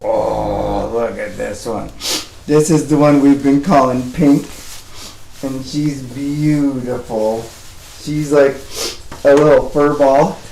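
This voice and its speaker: A man's voice: medium pitch, fairly even intonation, slow, creaky, mellow, reverberant, a little hiss or hum. A man talking casually on a live stream, cooing over a puppy and rambling with fillers, a bit sniffly. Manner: coos and baby-talks to a puppy. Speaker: dog rescuer live-streaming.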